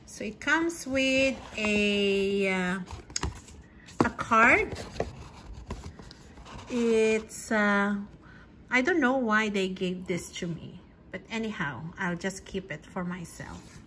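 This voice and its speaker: Woman, casual unboxing vlog, bright tense tone, slow unhurried pace, faint room noise. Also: mid-range voice, low-quality recording. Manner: chatty, excited, with frequent fillers. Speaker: vlogger. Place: home kitchen.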